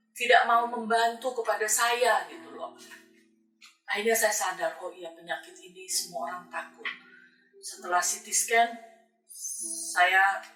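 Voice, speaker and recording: Older woman, church testimony, earnest storyteller, bright voice, faint music underneath. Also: medium pitch. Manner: earnest storytelling, acting out her own prayers and dialogue. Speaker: church member giving testimony. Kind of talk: personal testimony in a church service. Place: church hall. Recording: echoey, distant mic, faint music behind.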